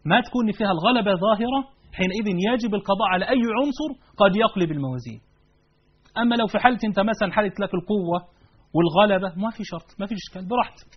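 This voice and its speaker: A man's voice: high voice, breathy edge. A man with an Egyptian Arabic accent giving a religious lesson, speaking emphatically and asking his listeners rhetorical questions. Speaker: preacher. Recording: dull lo-fi recording.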